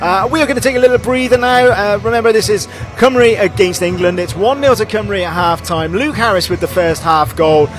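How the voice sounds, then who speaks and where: A man's voice: high-pitched, music in the background. Upbeat male sports host. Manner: brisk, upbeat, with filler "uh"s. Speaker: studio host. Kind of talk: live broadcast presenting.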